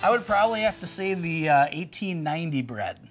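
Man with a slightly high voice in a bakery. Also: brisk, soft background music. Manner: relaxed, explains products with fillers. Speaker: bakery owner. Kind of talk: casual shop tour chat. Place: indoors in a bakery shop.

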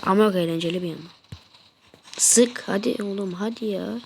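A woman with a flu-blocked, congested nose giving casual gameplay commentary, muttering to herself and then yelling excitedly at the game. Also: mid-range voice, normal speed, vocal fry, a little hiss or hum. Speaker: gaming channel host.

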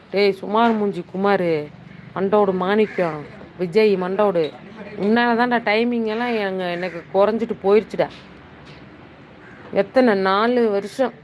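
A middle-aged woman chats slowly and playfully on a live stream, teasing her viewers and throwing in exclamations as she reads their comments. She speaks into a phone in a hill town, with faint traffic and crows behind her. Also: medium pitch, low-quality recording. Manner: chatty, teasing, full of exclamations. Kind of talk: casual live-stream chat.

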